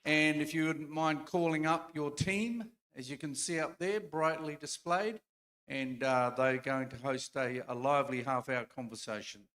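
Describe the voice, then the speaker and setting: A man's voice: fairly high pitch, measured pace, fairly bright tone. A man hosting a conference, announcing panels in a loose, off-the-cuff way with frequent fillers. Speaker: event host. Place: conference hall stage.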